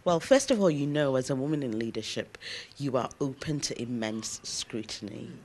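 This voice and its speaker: A woman with a notably low voice speaks as an interview guest. She is earnest and emphatic and stops often to think aloud with a soft "um." Her answers sound conversational, not scripted. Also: lively intonation, normal speed, a little hiss or hum. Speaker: interview guest, university lecturer.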